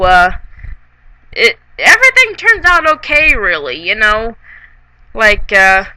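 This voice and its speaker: A tipsy-sounding comedic reviewer of ambiguous sex giving a casual movie recap, rambling and halting, trailing off between thoughts. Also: mid-range voice, sharp tone, smooth, no room sound, low-quality recording.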